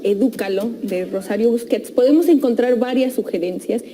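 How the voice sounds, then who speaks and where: A woman's voice: fairly high pitch, normal speed, warm tone. A woman co-hosting a radio talk show, conversational and hesitant. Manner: conversational, with hesitations and frequent affirmations.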